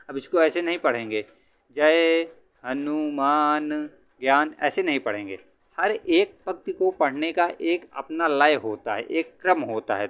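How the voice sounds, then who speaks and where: A man teaches an exam-prep grammar lesson in a voice pitched a little high. He keeps asking his students questions and then answers them himself. When he quotes verse, he slows down and chants the lines. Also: fairly bright tone.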